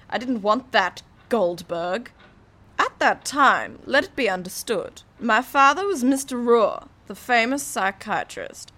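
A woman plays a scornful, snobbish old lady who has lost her grip on the present, boasting in an audiobook. Her voice sits rather high and swoops widely, bright and sharp-edged. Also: heavily acted. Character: haughty senile old woman, snobbish and proud. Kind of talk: audiobook character reading.

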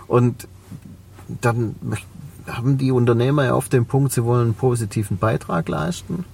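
A man of medium pitch with vocal fry and a darkish tone speaks at a moderate pace, far from the mic, with some hiss or hum. He's a cleaning company owner in his forties with a Swabian German accent, reflective and filler-heavy as a podcast interview guest.

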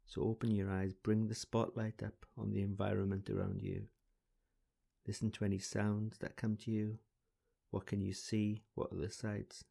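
A man leading a guided breathing exercise in a slow, soothing, deliberate voice, counting breaths. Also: fairly low pitch, level tone, gravelly, mellow. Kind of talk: calm guided relaxation exercise.

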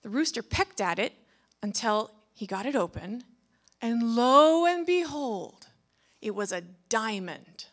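A woman telling a children's story to a congregation, animated and inviting listeners to join in. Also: on the high side, slow.

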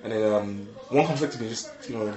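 A young man telling an excitable, slangy story with lots of repeated words and laughter. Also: on the low side, fast talker, reverberant, crowd noise. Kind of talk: animated casual storytelling.

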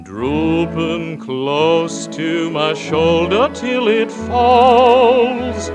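A man singing a Broadway showtune as a young cowboy courting his sweetheart, in slow, drawn-out crooning, heard from an old 1940s stage cast recording. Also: a little high, music in the background. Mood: tender.

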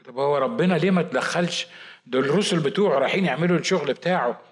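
Fast, animated Egyptian pastor. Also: male voice, a little high. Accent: Egyptian Arabic. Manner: fast, animated, with asides and mock quotes; says he shouts and talks fast. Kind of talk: Bible study sermon.

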